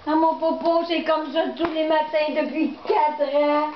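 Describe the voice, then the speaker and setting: Doting Québécois woman with high baby talk. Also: steady tone, measured pace. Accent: Québécois French. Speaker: dog owner. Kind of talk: home video talking to her dog. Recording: echoey, dull, noisy home recording.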